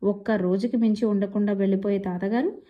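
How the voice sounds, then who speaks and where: A woman storyteller narrating a family story in a measured, expressive reading style. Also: medium pitch, highs cut off.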